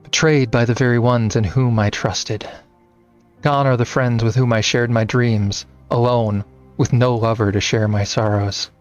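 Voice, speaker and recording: A man voicing a melancholy, theatrical male rock star in a slow, dramatic way. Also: mid-range voice, fairly even intonation, dull audio, soft background music, close to an everyday voice.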